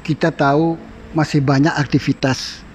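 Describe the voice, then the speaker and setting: A man interviewing a guest in casual conversation, with frequent short affirmations and gently probing questions. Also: on the high side, level tone, moderate pace, slight background noise.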